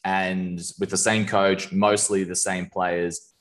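A man hosting a casual football podcast, relaxed and rambling. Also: sits low, takes it slowly. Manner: relaxed, rambling, laughs easily. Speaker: podcast host.

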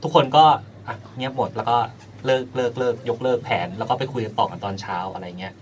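A man co-hosting a casual podcast chat, telling a story with animated quoted voices. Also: mid-range voice, fast talker, far from the mic, slight background noise. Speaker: podcast co-host.

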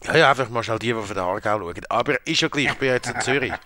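A man with a Swiss German accent in casual podcast chat, joking and rambling, laughing loudly at his own stories. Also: medium pitch, animated, very fast, background noise.

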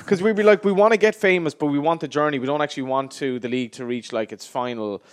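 A man with a west of Ireland accent hosting a podcast in casual, animated, slangy and sweary banter. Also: mid-range voice, fast talker, clean tone. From Galway, west of Ireland. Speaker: podcast host.

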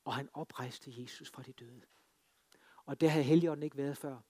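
A man preaching a sermon, telling the story dramatically and swinging between emphatic lines and hushed ones. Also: mid-range voice, steady tone, breathy edge. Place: free church.

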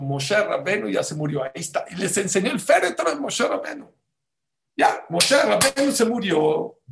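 A fairly high-voiced man teaches a Torah lesson in an animated way. He jumps from loud, emphatic points to quiet, hushed asides and keeps firing rhetorical questions at his listeners. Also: gravelly.

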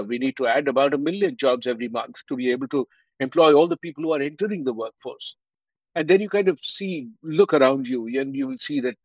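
A man with an Indian English accent, a guest author giving measured explanations in an interview. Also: mid-range voice, no echo, low-quality recording. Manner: measured, explanatory, with frequent fillers.

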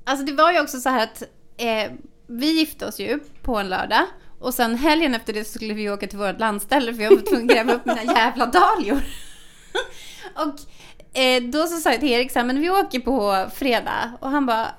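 High-voiced woman telling a lively story. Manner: animated, swears a lot, acts out quoted dialogue. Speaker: podcast co-host. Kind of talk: casual storytelling chat.

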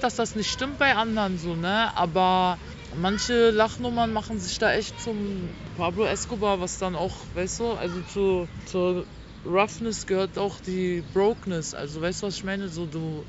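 Sitting on a picnic blanket in a park, a low-voiced Berlin rapper talks casually for an interview. Her slangy speech is sprinkled with English words and tag questions, and the outdoor recording sounds dull, with faint city noise behind her.

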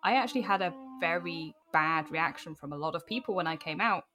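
A British woman in her late twenties, a cosplayer and writer, is a podcast guest speaking casually and candidly, often acting out things people said to her. Her low voice is fairly quick, bright, and forceful, with faint music in the background.

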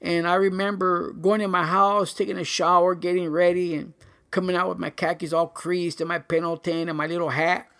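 An older man giving a personal church testimony, earnest and halting, with many pauses and fillers. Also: high voice, little pitch movement, a bit bright.

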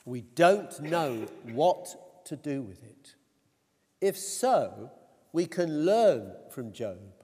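A man with a high, light, slightly rough voice delivers a sermon slowly and deliberately, in a sing-song, somewhat mellow tone. He raises his voice on quoted cries, and the long reverb of a big church hall surrounds his words.

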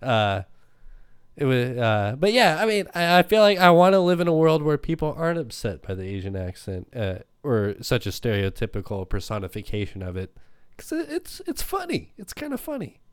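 A man's voice: medium pitch, expressive, brisk, smooth, no echo, clean studio sound. A man co-hosting a podcast, chatting casually, rambling and joking. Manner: joking, rambling, puts on silly voices. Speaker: podcast co-host. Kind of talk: casual chat.

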